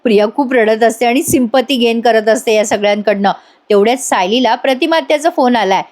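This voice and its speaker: A woman's voice: fairly high pitch, a little fast, darkish tone. Chatty woman recapping a TV serial. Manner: enthusiastic, chatty. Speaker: TV serial reviewer. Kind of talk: voice-over episode recap.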